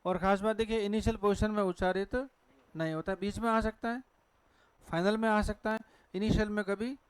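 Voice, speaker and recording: Male teacher with a Hindi accent, high clear voice, dry sound, quizzing the class and answering himself. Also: fairly even intonation, a little fast, no room sound. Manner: asks the class questions and answers them himself. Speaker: English teacher. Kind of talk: classroom lecture on pronunciation. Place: classroom with a board.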